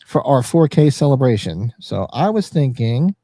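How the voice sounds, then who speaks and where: A mid-range, mellow-voiced podcast host with big pitch swings speaks at normal speed in casual livestream banter, occasionally swearing. He's congested, nasal and sniffly from allergies, with a slightly sore throat. The sound is studio quality, with no room sound.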